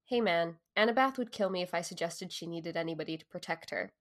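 A man's voice: on the high side, quick pace, a bit bright, pitched below the performer's own voice, close to an everyday voice. A woman reading aloud the lines of a casual, protective young male hero from a novel. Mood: friendly. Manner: read aloud plainly from a novel.

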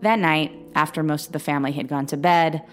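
Female true-crime narrator, low voice, grave and steady, light music bed. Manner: measured, grave storytelling with quoted voices. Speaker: podcast narrator.

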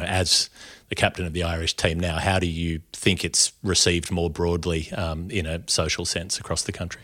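A man's voice: sits low, pushed and bright, dry recording, studio quality. A man co-hosting, asking curious questions while thinking aloud. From Australia. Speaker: podcast co-host. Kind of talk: conversational interview questions.

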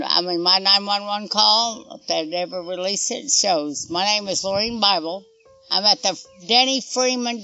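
In a muffled interview with music beneath it, a middle-aged woman from rural Oklahoma describes events she experienced as a mother. Her voice sits on the low side with a fairly bright tone, and she talks plainly, bluntly, and conversationally.

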